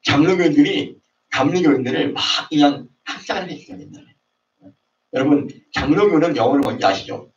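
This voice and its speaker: A man's voice: on the high side, a little fast, darkish tone. A man preaching a sermon to a young adults' service, acting out quarrels in raised voices. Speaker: pastor. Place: church sanctuary. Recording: roomy, distant, dull online service audio.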